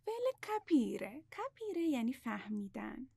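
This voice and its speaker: A woman teaching a language lesson, explaining patiently step by step and repeating words slowly. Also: sits high, sing-song, creaky, warm tone, breathy edge, no room sound, studio quality.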